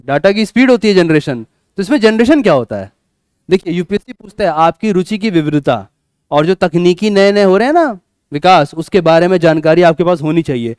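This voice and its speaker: A man teaching a class, lively, asking questions and answering them himself. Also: high-pitched, brisk, clean tone, no echo, studio quality. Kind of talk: classroom lecture.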